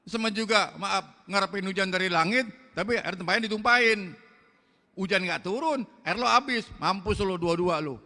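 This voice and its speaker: A man with a Betawi Jakarta accent preaching a fiery sermon, loud, blunt and forceful, with slangy talk. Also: sits high, normal speed, long reverb tail.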